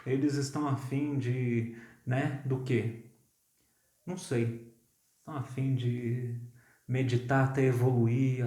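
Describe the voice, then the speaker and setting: Chatty Brazilian preacher in a roomy hall. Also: male voice, medium pitch. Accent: Brazilian Portuguese. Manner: conversational, lively, keeps asking "né?". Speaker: pastor. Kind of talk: sermon. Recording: roomy echo.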